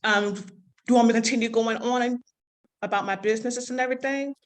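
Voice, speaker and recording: A woman's voice: a little high, fairly even intonation, quick pace. A middle-aged woman speaking with dental braces, giving an informal self-introduction as a guest speaker. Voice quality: speech affected by dental braces. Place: classroom.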